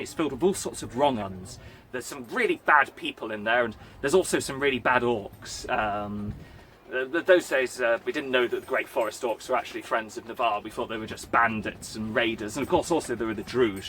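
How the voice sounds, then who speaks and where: A man talks on his vlog in a loose, rambling way, playful and animated as he spins a story. His voice is bright and forceful, sitting at a middle pitch. A faint background noise runs under the recording. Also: a little fast. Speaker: vlogger recounting a live-action role-play event. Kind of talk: casual in-character storytelling chat.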